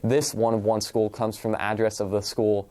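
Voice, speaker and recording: A man's voice: lowish voice, flat delivery, moderate pace, dark tone, a little hiss or hum. A male student presenter reading scripted background facts in an informative, explanatory way. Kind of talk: scripted narration.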